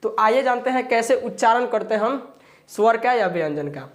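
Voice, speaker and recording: A woman's voice: on the high side, animated, moderate pace. A woman teaching a grammar lesson to viewers, patient, saying each sound aloud and asking the listener questions.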